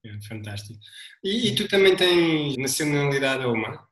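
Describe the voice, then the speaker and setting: A man's voice: fairly high pitch, sing-song, normal speed, fairly bright tone, echoey room, slight background noise. A man with a European Portuguese accent hosting an interview, asking questions in a teasing, joking way. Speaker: podcast host. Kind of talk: casual interview chat.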